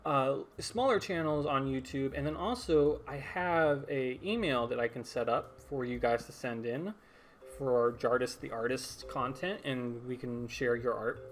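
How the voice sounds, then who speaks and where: A man's voice: medium pitch, unhurried, slight background noise. A young man hosting his own podcast, talking casually and rambling, correcting himself and chuckling at his own tangents. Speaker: podcast host. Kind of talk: casual solo podcast talk.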